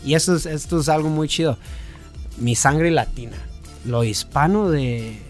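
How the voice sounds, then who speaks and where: A man, a podcast guest in casual chat, relaxed and repeating himself, sometimes slipping into English. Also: on the high side, measured pace, faint music behind.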